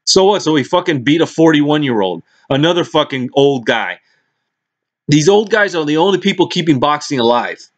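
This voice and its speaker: A man's voice: a little high, expressive, normal speed, muffled recording. A man vlogging in a brash, mocking, profane rant, swearing constantly and now and then dropping into lazy, mumbled asides.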